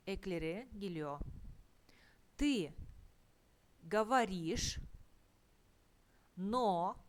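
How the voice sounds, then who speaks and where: A woman with as her teaching a Russian lesson at an unhurried, very slow pace. She says each Russian word deliberately and repeats it, in a mid-pitched, even teaching voice. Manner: slow, deliberate, pronounces Russian words carefully and repeats them. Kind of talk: slow explanatory language lesson.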